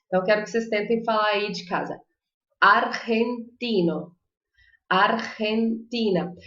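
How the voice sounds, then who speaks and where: A Portuguese-speaking woman teaching a live online Spanish lesson, chatty and encouraging, slowly modeling pronunciations. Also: medium pitch, vocal fry. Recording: echoey room, slightly dull sound.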